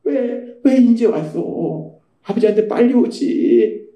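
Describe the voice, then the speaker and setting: A pastor voicing a gentle, consoling father. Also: very high-pitched, lively intonation, takes it slowly, lo-fi sound, pitched above the performer's own voice, full character voice. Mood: tender. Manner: soft, consoling. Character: tender loving father comforting his son. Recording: echoey church hall.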